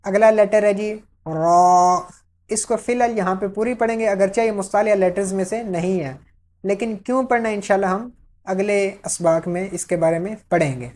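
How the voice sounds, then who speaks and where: In a mid-range, somewhat dark voice, a woman walks learners step by step through the pronunciation of Quranic letters. She lengthens every letter patiently so they can echo it, pausing to ask "ٹھیک ہے؟".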